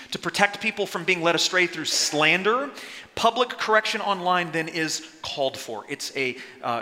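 A man's voice: a little high, pushed and bright. A man preaching a sermon as pastor, impassioned, with dry asides to the congregation. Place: church sanctuary. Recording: long hall reverb.

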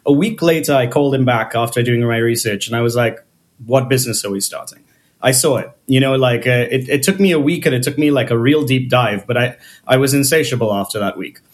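A man's voice: medium pitch, fairly quick. A man from the Caribbean, a co-founder guest telling his story in a casual interview, with many fillers and restarts.

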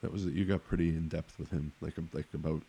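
A man's voice: rumbling low, steady tone, quick pace, creaky, warm tone. A man co-hosting a casual podcast, mostly giving short replies and prompting stories. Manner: brief backchannel replies, prompts questions.

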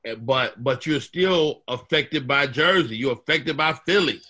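This is a Chicago comedian telling stories in casual conversation. His voice is medium-pitched and a little slow, and he's an animated storyteller who acts out other people's voices.

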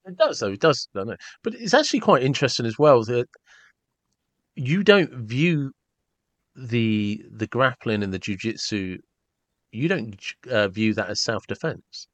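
A man hosting a podcast, chatting casually and telling stories in an amused, animated way. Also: mid-range voice, a little slow, no room sound. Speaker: podcast host. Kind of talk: casual conversation.

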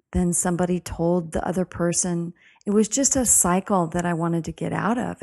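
A middle-aged woman hosts a reflective, personal podcast monologue. Her voice sits fairly low, with noticeable fry and a dark, relaxed tone. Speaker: podcast host.

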